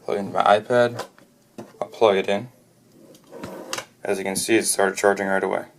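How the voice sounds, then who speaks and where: A man's voice: fairly low pitch, fairly even intonation, slight background noise. A man narrating an unscripted product review off the cuff, often stopping to restart and correct himself mid-sentence. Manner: halting, frequent restarts and self-corrections.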